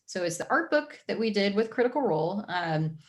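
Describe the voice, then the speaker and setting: A woman's voice: mid-range voice, big pitch swings, fairly quick. A woman hosting a live stream, chatting casually through new releases with many fillers and restarts.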